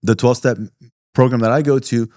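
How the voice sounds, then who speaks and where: A man at an average pitch, talking in a relaxed, rambling way full of "like" and "you know." He sounds close and dry, with no room around him. He comes across as a podcast guest chatting openly. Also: fairly quick, no echo. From South Florida. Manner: loose and conversational, many fillers and asides. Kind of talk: casual interview talk.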